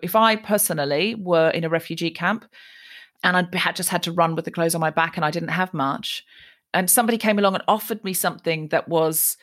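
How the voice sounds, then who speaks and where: A woman raised in Australia, a guest telling animated stories in conversation. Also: fairly low pitch, brisk. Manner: animated, lively anecdotes. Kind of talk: conversational storytelling.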